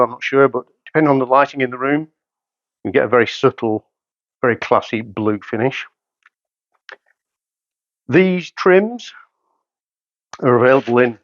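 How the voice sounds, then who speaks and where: The audio is dull, without room sound, and the voice mid-range. It belongs to a hi-fi dealer in his fifties who narrates a hands-on product setup in a carpeted indoor showroom, moving step by step in short, matter-of-fact phrases.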